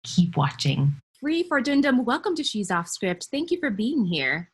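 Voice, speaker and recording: A woman's voice: a little high, sing-song, normal speed, slightly rough. A woman hosting an interview podcast, asking prepared questions and adding brief friendly responses. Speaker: podcast host.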